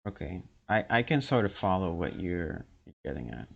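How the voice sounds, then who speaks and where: Young man, slow halting casual chat, lowish voice, dull lo-fi recording. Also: big pitch swings, creaky, breathy edge. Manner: slow, hesitant, many ums and restarts. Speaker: podcast co-host. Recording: dull lo-fi sound.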